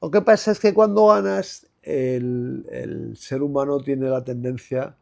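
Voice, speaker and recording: This mellow, medium-pitched male voice carries vocal fry and moves at a measured pace. The speaker is a former basketball player in his sixties from Madrid, Spain, with a Madrid Spanish accent, appearing as a guest in a relaxed interview. His talk is reflective and meandering, peppered with fillers and false starts.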